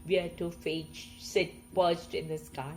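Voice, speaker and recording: A woman voicing a timid caged bird, speaking in soft, sad recited lines. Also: sits low, flat delivery, slow, soft background music, poor audio. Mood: sorrowful.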